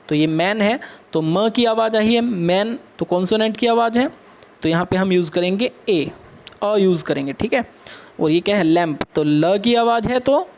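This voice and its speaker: A man's voice: sits high, darkish tone. A man with an Indian English accent teaching young pupils, asking questions and answering them himself as he explains step by step. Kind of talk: classroom lesson for children.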